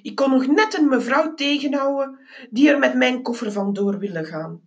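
A woman reading a children's book aloud, expressive and with small slips and restarts. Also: high voice, moderate pace, muffled recording. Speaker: reader.

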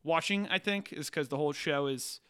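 Bright, animated young man podcasting. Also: a little high, clean tone. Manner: animated, jokey, recaps shows with quick put-on quotes. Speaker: podcast co-host. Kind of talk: casual comedy podcast chat.

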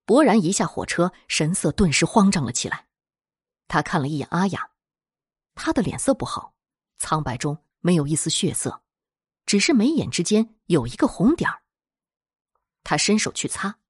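A woman narrating a scripted horror story in a dramatic, expressive storytelling manner. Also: on the low side, normal speed, long pauses, slightly rough, dry recording, studio quality.

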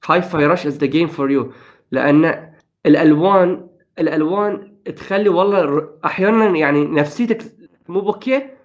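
A man's voice: a little high, fairly quick. A young man in casual gaming chat, upbeat and enthusiastic, slipping English phrases into his talk. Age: young adult.

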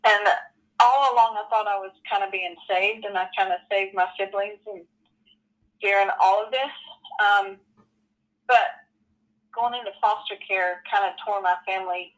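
A woman in her forties, a guest in an interview, tells her personal story earnestly and haltingly, with many ums and you-knows. Her voice is mid-range with fairly even intonation, and the audio is poor.

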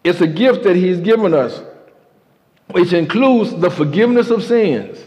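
Emphatic high-voiced preacher man. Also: animated, measured pace, a little mellow. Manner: emphatic preaching with call-and-response. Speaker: pastor. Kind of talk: sermon. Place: church sanctuary. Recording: muffled sound with a long hall reverb.

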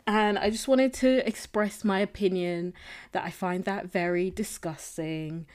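A woman's voice: medium pitch, fairly even intonation, measured pace. A woman hosting a solo podcast, chatting casually and candidly in a rambling, opinionated way. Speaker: podcast host. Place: indoors, a room other than the usual setup. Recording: slightly echoey, recorded in makeshift room.

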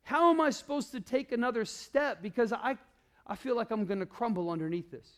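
High pitched guy preaching, gets loud then goes real quiet, keeps asking the crowd "right?". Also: a little fast. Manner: preaching with strong swings between loud and hushed; calls out to the congregation. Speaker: pastor. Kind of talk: sermon.

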